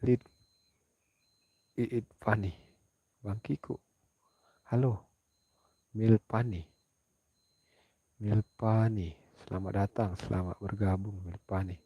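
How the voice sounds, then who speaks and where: A man from South Sulawesi hosting a casual late-night livestream, speaking in a hushed voice so as not to wake others, reading viewer comments aloud and answering them at home at night. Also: on the low side, steady tone, slow, pauses often, no echo, highs cut off. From South Sulawesi, Indonesia. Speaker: livestream host.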